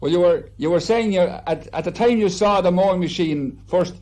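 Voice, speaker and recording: Guy interviewer, polite n formal, mellow voice a bit high, hesitates over questions. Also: moderate pace.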